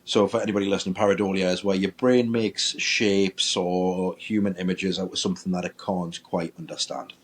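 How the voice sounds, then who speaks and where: A man, a paranormal investigator, telling a ghost-hunting story in a lively way and acting out his own reactions. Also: low voice, brisk, hardly any pauses. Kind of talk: storytelling in casual chat.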